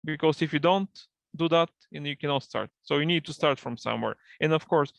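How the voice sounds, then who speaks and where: Gravelly-voiced Bulgarian man explaining. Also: on the high side, a little fast, no room sound, dull audio. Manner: fluent non-native English, explanatory. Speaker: guest, partnership manager. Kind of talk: online interview.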